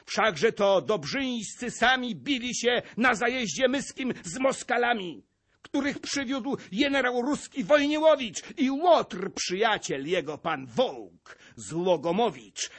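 A man voicing a grim, vengeful old male servant, declaiming in rhymed verse with a husky voice. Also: extremely high pitch, very animated, slow pace, fairly bright tone, heavily acted. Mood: boastful.

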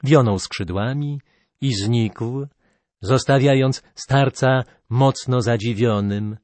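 A man reading a legend aloud as narrator, measured and expressive. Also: mid-range voice, no echo. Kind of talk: storybook reading.

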